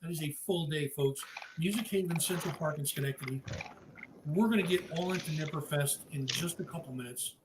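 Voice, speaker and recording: A man's voice: on the high side, a little fast. Upbeat chatty male host. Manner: upbeat, chatty, gives shout-outs to viewers. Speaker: podcast host. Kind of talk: live-streamed interview. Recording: echoey room with faint noise.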